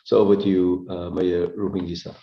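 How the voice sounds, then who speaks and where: Deep monotone man from South Africa hosting a panel, echoey room, dull audio. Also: brisk, gravelly. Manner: relaxed, introduces speakers with fillers. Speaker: panel moderator. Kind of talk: moderating a panel.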